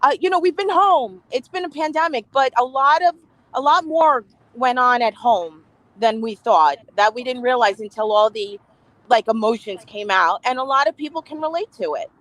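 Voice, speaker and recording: Here a woman who is a reality TV cast member chats as a guest over a remote video call, and the connection is bad. It's a casual interview; she's emphatic, laughs often, and has a high, a bit bright voice with lively intonation at a normal speed. The recording is rough, with no echo.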